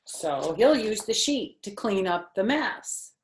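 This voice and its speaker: In a reverberant space with slight background noise, an older woman gives an animated read-aloud of a picture book for kids. Her mid-range voice is very animated, and she chats like a grandmother, pausing on phrases, posing questions to her young audience and dropping casual asides.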